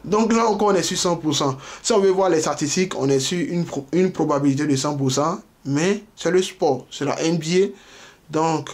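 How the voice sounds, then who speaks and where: A man's voice: a little high, moderate pace. Man explaining bets step by step. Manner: explains step by step, repeats phrases, frequent "voilà" and "ok"; addresses viewers directly, informal. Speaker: sports betting tipster. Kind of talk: screen-share tutorial.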